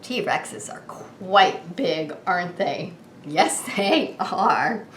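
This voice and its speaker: Speaking in a fairly low, expressive voice that is a bit bright, this woman draws out her words as she hosts a children's birthday greeting. As a children's show host, she uses over-the-top, sing-song party cheer, posing questions and responding as though the child answered. Faint noise can be heard in the echoey room.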